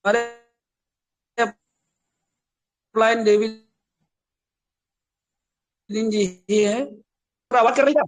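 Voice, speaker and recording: A man's voice: sits high, fairly even intonation, drawn-out words, long pauses, no echo. A man from Uttar Pradesh calling into an online meeting on a weak phone connection, his voice cutting in and out as the call drops, and he keeps saying hello to check he is heard. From Uttar Pradesh, India. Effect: call dropping out, voice cutting in and out. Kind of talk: casual call-in remarks. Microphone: phone on a weak network connection.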